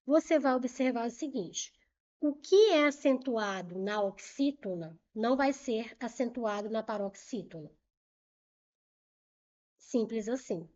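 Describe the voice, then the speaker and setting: A woman's voice: fairly high pitch, a little mellow, highs cut off. A woman with a Brazilian Portuguese accent teaching a grammar lesson for exam prep, patiently repeating rules and asking and answering her own questions.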